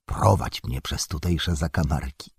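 A man reading an audiobook, voicing a gentle, thoughtful young male hobbit who speaks calmly. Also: a bass voice, a little slow, creaky, slightly rough, no echo, clean studio sound, exaggerated voice. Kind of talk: audiobook character voice.

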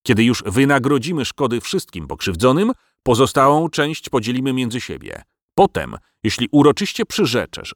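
A man's voice: medium pitch, dry recording, studio quality. A man voicing a pompous village parson laying down terms in a storybook reading. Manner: solemn, pompous.

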